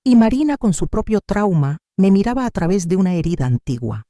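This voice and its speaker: A man narrating a family drama in the first person, in a measured, dramatic storytelling manner. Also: high-pitched, sing-song, mellow, no room sound, clean studio sound.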